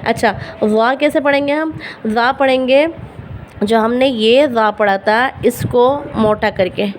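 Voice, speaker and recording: A woman who speaks Urdu as her first language, teaching beginners to pronounce Arabic letters for Quran reading, patiently repeating each sound slowly. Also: a little high, a little hiss or hum, poor audio.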